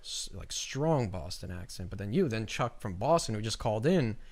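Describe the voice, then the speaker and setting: A man's voice: on the low side, expressive, normal speed, darkish tone. A man co-hosting a podcast in a casual, profane and talkative way. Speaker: podcast co-host. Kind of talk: casual chat.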